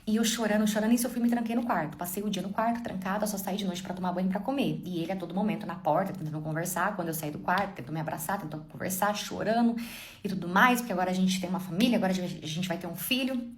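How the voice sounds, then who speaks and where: A woman's voice: medium pitch, quick pace, slight background noise. A young woman telling a dramatic first-person story in a casual way, talking straight to her listeners. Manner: dramatic, addresses listeners directly.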